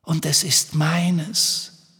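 A man voicing a menacing male spirit trapped in a locket, speaking in slow hissing whispers. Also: a little high, little pitch movement, fairly bright tone, slightly rough, in a large hall, pitched above the performer's own voice, exaggerated voice. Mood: hissing, taunting.

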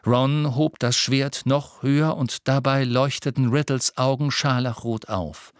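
A man reading an audiobook in a measured, expressive way. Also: mid-range voice, dry recording, clean studio sound. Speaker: audiobook narrator. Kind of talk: scripted narration.

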